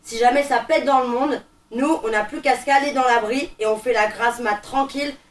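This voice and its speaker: A woman's voice: fairly high pitch, steady tone, normal speed, a little hiss or hum, close to an everyday voice. A woman reading the part of a bossy, restless eight-year-old child in a stage play reading, demanding and cheeky. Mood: chattering. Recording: roomy, distant mic.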